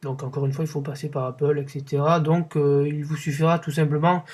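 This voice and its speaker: A young man with a slightly high voice hosts a casual tech podcast. He talks off the cuff, stumbling and restarting often, and sounds unimpressed with what he covers. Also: level tone, a little fast, darkish tone. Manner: hesitant, many fillers and restarts, unimpressed. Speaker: podcast host.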